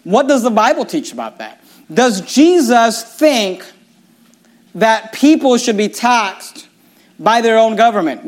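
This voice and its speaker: A man preaching a sermon, reading scripture aloud and arguing his point with emphasis. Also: high-pitched.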